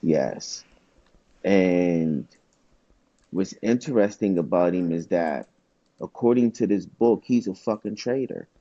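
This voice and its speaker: A man co-hosting a podcast in loose, profane casual chat, his stories jumping up in pitch when he gets excited. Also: takes it slowly, pauses often, no room sound, lo-fi sound. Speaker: podcast co-host.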